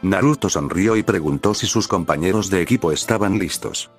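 A man narrating a fanfiction story aloud in a steady storytelling delivery. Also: deep voice, brisk, faint music behind.

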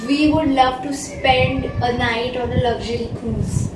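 Woman, 20s, from India, vlogger, casual chat, animated talker, slightly high voice, far camera mic, roomy echo. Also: measured pace. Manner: chatty, gestures with both hands. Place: bedroom, indoors. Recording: echoey room, far from mic, loud hiss.

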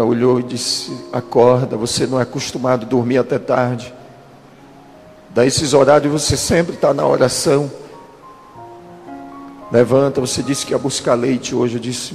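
A man's voice: medium pitch, darkish tone. Man preaching in a reverberant hall. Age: 30s. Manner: dramatic storytelling with slow emphatic pauses. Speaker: pastor. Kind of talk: testimony sermon. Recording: long church-hall reverb with music.

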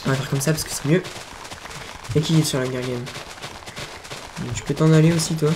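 A man's voice: on the high side, fairly even intonation, a little fast. Joking man gaming over clacking keys. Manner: joking, teasing, talks to in-game characters. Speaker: let's play gamer. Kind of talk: casual gameplay commentary. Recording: constant clear noise with keyboard clicks. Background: keyboard typing and clicks.

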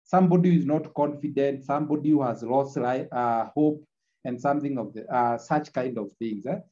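A man's voice: mid-range voice, brisk, warm tone, muffled recording. A man teaching an online class, heard through a screen recording of the video call, repeating his points and checking in with "eh?". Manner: repetitive, checks in with tag "eh?". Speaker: lecturer.

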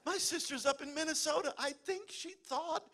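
A middle-aged man preaching a lively sermon in a church, calling out for amens. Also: very high voice, moderate pace. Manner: lively preaching, calls for amen and hallelujah. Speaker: pastor. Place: church sanctuary.

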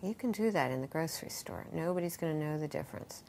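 Middle-aged yoga teacher lady, earnest and lively, talks you through breathing. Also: sits low, quick pace, gravelly, background noise. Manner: earnest and animated, acting out panicked voices. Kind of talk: interview answer with guided breathing demonstration.

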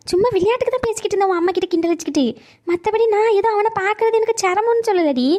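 A fussy elderly grandmother from a cartoon, rattling on in a high, quick voice. She nags and gossips, then softens into tender pleading. The whole read is cartoon voice acting. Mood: defensive. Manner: scolding gossip turning to coaxing pleas. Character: talkative elderly grandmother, fussing and doting.

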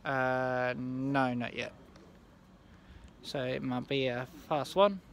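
A young man filming himself on an outdoor station platform, phone at arm's length, talking slowly and haltingly, restarting his sentences. Faint station noise sits behind his voice. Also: medium pitch, steady tone. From England. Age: young adult. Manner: rambling, halting, with many restarts and fillers. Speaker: trainspotting vlogger. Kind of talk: casual handheld vlog. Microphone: phone held at arm's length.

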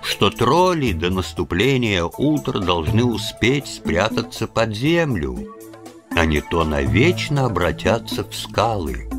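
Male audiobook narrator, deep, animated delivery, soft music behind. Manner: expressive storytelling. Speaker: audiobook reader.

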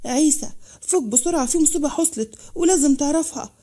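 A woman's voice: sits high, quick pace, warm tone, voice pushed up, lightly acted. A woman voicing an anxious young male friend with an Egyptian accent, speaking urgently and asking questions. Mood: worried. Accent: Egyptian Arabic.

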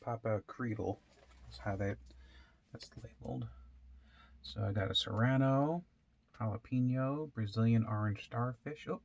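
A man with a gravelly, mid-range voice shows his indoor basement grow room as a home gardener, speaking a little slowly with long pauses. The tour is casual and unscripted, full of rambling and thinking aloud. The recording sounds muffled.

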